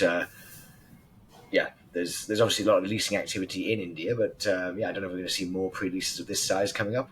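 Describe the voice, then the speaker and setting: A hoarse man co-hosting a casual industry podcast, chatty and loose, swearing now and then. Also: sits low, a bit bright, a little hiss or hum, low-quality recording. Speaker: podcast co-host.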